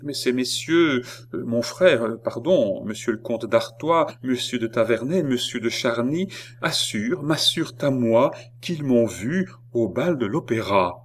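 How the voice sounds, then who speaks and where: A man's voice: mid-range voice, animated, measured pace, pitched above the performer's own voice. A man voicing a proud, wounded queen, pleading in a heightened voice that rises to cries. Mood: agitated.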